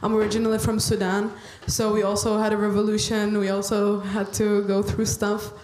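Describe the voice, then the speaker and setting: A woman's voice: medium pitch, monotone, a little fast, a little mellow, slight background noise. A woman born in the Czech Republic, asking a question from the audience at a public debate in earnest, searching sentences. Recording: echoey hall.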